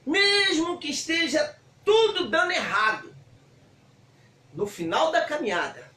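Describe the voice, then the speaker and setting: A man preaching a sermon as a bishop, fervent and swinging from hushed to shouting. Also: very high-pitched, big pitch swings, a little slow. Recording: echoey room, voice from far off.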